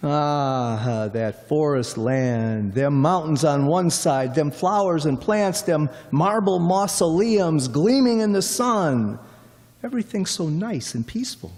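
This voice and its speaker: A man's voice: a little high, lively intonation, slow, a little mellow. A man doing a rambling folksy cab driver. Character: chatty, folksy middle-aged male cab driver. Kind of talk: radio play acting. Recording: long hall reverb.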